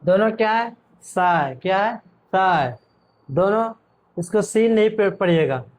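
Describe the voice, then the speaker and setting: Pitched high and with lively intonation, a man teaches Quran reading letter by letter over poor audio. He asks and answers his own questions while drawing each letter name out very slowly.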